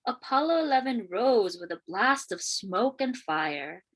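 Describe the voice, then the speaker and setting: A woman reading a children's picture book aloud in an expressive, deliberate storytelling manner. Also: a little high, poor audio. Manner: expressive, questioning lifts and deliberate phrasing. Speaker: read-aloud storyteller, teacher.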